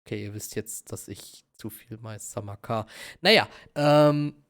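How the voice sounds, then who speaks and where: A man's voice: lowish voice, a little slow, fairly bright tone. A man streaming a video game, giving casual live commentary to his viewers.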